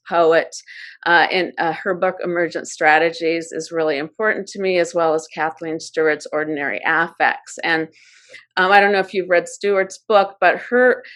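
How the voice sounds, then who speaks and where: A middle-aged woman academic speaking on a roundtable panel, thoughtful and halting, with frequent ums and restarts. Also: on the low side, a bit bright.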